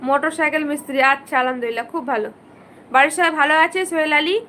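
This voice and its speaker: Live-stream host, woman, bright and forceful tone, reads comments aloud and scolds viewers firmly. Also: sits high, racing, a little hiss or hum, rough recording. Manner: pleads for subscribers and likes. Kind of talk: casual live-stream chat.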